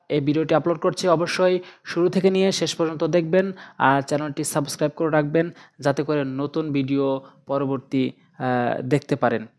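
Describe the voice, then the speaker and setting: A teacher runs a recitation lesson, chanting short syllables over and over in a steady, deliberate rhythm. The voice sits at an ordinary middle pitch. It pauses to correct pronunciation before returning to the drill. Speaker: Quran reading teacher.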